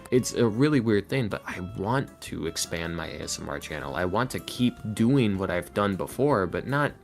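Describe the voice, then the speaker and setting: His voice sits low, with vocal fry, animated at a normal speed. He's a podcast guest known for ASMR roleplays and voice acting, talking casually, earnestly and self-deprecatingly in a rambling manner while music plays underneath.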